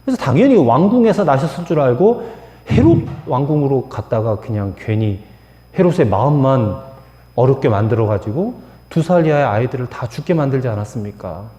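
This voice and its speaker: A man's voice: medium pitch, lively intonation, fairly quick, warm tone. A male pastor preaching a sermon to his congregation and asking them rhetorical questions. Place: church sanctuary. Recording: echoey church hall with long reverb.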